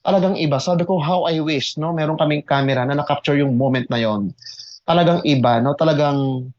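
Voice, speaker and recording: A man who mentors in network marketing tells his own story to an online audience, excitable and emphatic, often repeating words and switching between Tagalog and English. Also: fairly high pitch, a little fast, muffled recording. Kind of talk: motivational testimony to an online audience.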